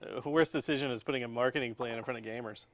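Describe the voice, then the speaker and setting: Blunt deadpan young man, dry sound. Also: medium pitch, quick pace, dry recording. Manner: blunt, curt, deadpan answers. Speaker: co-host. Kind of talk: casual chat.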